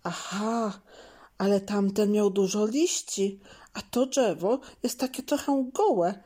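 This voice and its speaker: A woman's voice: medium pitch, slow, warm tone, voice pushed up. A woman voicing a curious little boy in a children's storybook, asking questions in a raised childlike voice.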